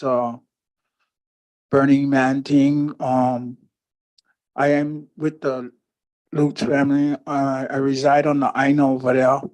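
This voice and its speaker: A man from Hawaii, testifying plainly and haltingly against a proposal at a public hearing. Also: medium pitch, a little mellow. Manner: plain-spoken, halting, opposed.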